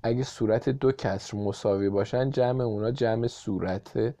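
A man's voice: lowish voice, dark tone, natural voice. A man voicing an indignant male math teacher who protests. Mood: plain.

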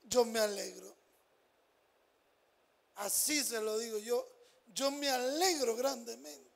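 A man preaching a sermon as pastor, stressing key phrases and asking the congregation rhetorical questions, dropping to soft asides between louder lines. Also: extremely high pitch, fairly even intonation, takes it slowly, vocal fry.

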